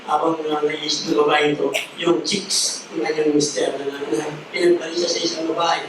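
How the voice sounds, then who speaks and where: A man's voice: a little high, flat delivery, moderate pace. A man with a Filipino accent preaching a sermon, mixing Tagalog and English and acting out the characters of a story he tells. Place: church hall. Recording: echoey hall, distant mic, faint hiss.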